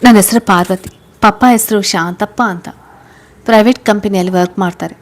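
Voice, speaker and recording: A sorrowful young wife in a spoken storybook, voiced by a woman narrator, talking softly about her losses. Her tone is gentle and wistful, close to the narrator's own voice. The pitch stays in an average range. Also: fairly even intonation, moderate pace, close to an everyday voice.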